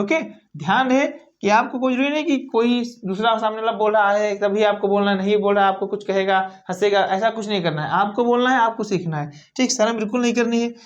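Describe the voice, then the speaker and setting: Woman teacher, patient drilling voice, mid-pitched, slightly dull lo-fi recording. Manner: repeats each phrase slowly, asks "what will you say?"; encouraging, tells learners not to feel shy. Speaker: English teacher. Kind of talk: spoken English lesson.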